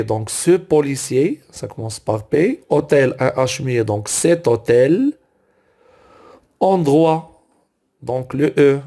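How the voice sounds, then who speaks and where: Slow, patient male French teacher. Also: medium pitch, dark tone. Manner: patient, repeats each word aloud, corrects own slips. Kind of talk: slow explanatory grammar lesson.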